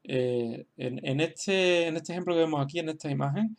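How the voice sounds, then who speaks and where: A man's voice: a little high, normal speed, creaky. A man from explaining a language lesson in an unscripted way, hesitant, with many fillers and restarts. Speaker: teacher.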